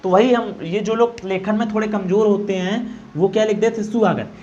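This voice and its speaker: Male teacher, high voice, explains pronunciation by repeating sounds, slightly dull recording with faint noise. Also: fairly even intonation, a little fast, darkish tone. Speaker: Hindi exam teacher. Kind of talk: classroom-style explanation.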